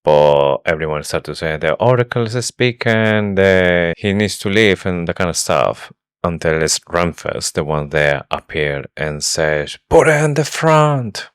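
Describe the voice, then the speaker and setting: Man, extremely low voice, dry close sound, casual hesitant book recap, co-host. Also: measured pace, clear, resonant tone, dry recording. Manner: hesitant retelling, fillers like "like". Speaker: podcast co-host.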